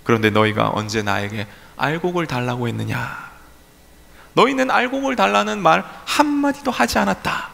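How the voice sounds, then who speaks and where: A man's voice: a little high, expressive, gravelly, fairly bright tone, pitched above the performer's own voice, full character voice. A pastor voicing God as he patiently answers and reproves complaining farmers, in an echoey church hall. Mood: reproving. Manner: measured, reproachful explaining.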